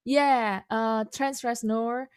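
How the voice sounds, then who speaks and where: A composer whose first language is Indonesian speaks English as a guest in a casual interview, halting often with many fillers and restarts. Her voice is fairly high with fairly even intonation and a clean tone, in a dry recording.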